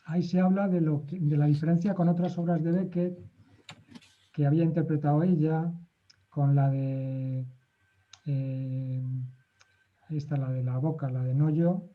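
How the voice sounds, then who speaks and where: Man, slightly high voice, hesitant with fillers, muffled video-call sound, group discussion. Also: steady tone, unhurried, long pauses. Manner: hesitant, many fillers and restarts. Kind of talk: casual discussion.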